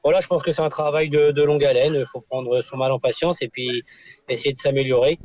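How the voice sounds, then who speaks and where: A man's voice: medium pitch, steady tone, fairly quick, darkish tone, highs cut off. A young man, a harness racing driver, answering radio interview questions hesitantly with many fillers and restarts. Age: young adult.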